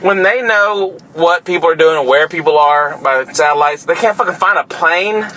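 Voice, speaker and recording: A man's voice: a little high, normal speed, bright, forceful tone, slight background noise, rough recording. A man co-hosting a podcast, talking in loose, crude banter and trailing off mid-sentence. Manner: laid-back, swearing, trailing off mid-sentence. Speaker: podcast co-host.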